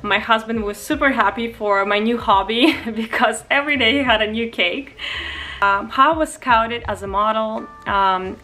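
Twenties woman, Russian accent, bright voice, casual vlog chat into a nearby camera. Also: mid-range voice. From Far East Russia. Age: 20s. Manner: chatty, frequent "um" and "like", light laughs. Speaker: vlogger. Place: bedroom, indoors. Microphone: camera at close range.

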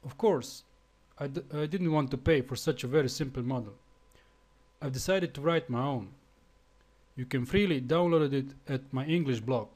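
A Slovenian web developer speaks English as a second language with a Slovenian accent, halting through a screencast tutorial full of fillers and restarts. His voice is mid-range with a darkish tone.

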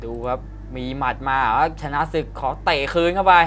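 A man's voice: mid-range voice, moderate pace, fairly bright tone. A man giving live Muay Thai commentary in an exclamatory way, reacting to each strike. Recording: broadcast with arena crowd noise behind. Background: faint fight-arena ambience.

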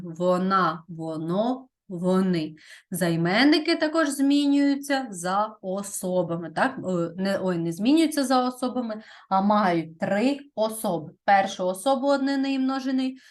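A woman teaching a primary school grammar lesson, speaking deliberately and often checking in with "так?". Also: fairly high pitch.

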